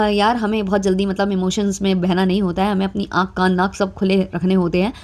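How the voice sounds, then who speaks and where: Here a commentary vlogger, a young adult woman, discusses gossip in a medium-pitched voice with a darkish tone. She keeps it chatty, uses frequent filler sounds, and lets a little sarcasm creep in.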